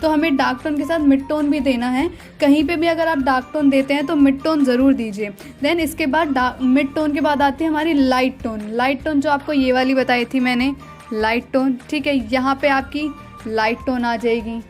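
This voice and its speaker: A high-pitched woman narrates a drawing lesson. She guides the viewer step by step, often pausing to point things out. Soft music plays faintly behind her voice. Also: steady tone. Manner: explains step by step with repeated "dekhiye" and "theek hai". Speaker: art teacher.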